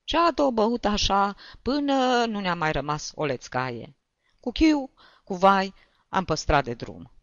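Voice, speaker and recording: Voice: mid-range voice, fairly bright tone, clear, resonant tone, no echo, lo-fi sound, close to an everyday voice. A reader voicing a weepy, flustered male tutor who sobs and strains as he complains, in a storybook reading. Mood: tearful. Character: weepy flustered male tutor, tipsy trip gone wrong.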